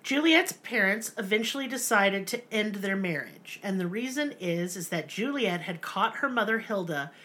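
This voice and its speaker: A woman's voice: medium pitch, lively intonation, moderate pace, hardly any pauses, sharp tone, slightly rough. A woman hosting a casual podcast, telling a true story with profane jokes and mock voices. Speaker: podcast host.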